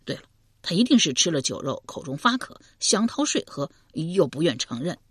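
A woman's voice: low voice, very animated, moderate pace, breathy edge, dry recording, studio quality, heavily acted. A woman voicing a cheeky, uneducated male house servant who talks brashly and hurriedly. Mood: fumbling.

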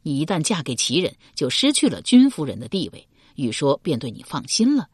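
A woman reading an audiobook voices a shrewd, calm middle-aged male chancellor, measured and authoritative. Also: deep voice, breathy edge, dry recording, studio quality, exaggerated voice. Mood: advising. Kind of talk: audiobook character voice.

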